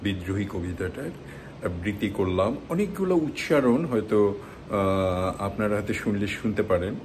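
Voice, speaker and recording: A low-voiced man speaks casually to his viewers in a relaxed, chatty way, pausing now and then on hesitant fillers. A faint hiss of background noise sits under his voice. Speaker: video host.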